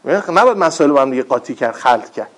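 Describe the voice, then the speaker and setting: A man preaching in a lively storytelling way, with rhetorical questions and wry humor. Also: mid-range voice. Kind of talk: religious talk with retold stories.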